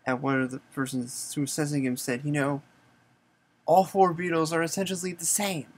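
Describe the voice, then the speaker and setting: A man's voice: fairly high pitch, flat delivery, a little fast, poor audio. A man hosting an educational explainer video, speaking plainly and steadily in a General American accent. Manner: plain explanatory delivery, no put-on voices. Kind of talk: explainer monologue.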